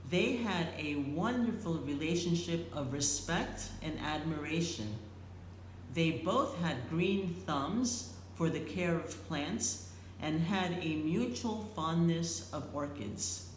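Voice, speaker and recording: A middle-aged or older woman reads a prepared eulogy in a tender, solemn, slightly faltering way with deliberate phrasing. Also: sits low, expressive. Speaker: eulogist, family member. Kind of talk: prepared eulogy read aloud. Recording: echoey room, faint background noise.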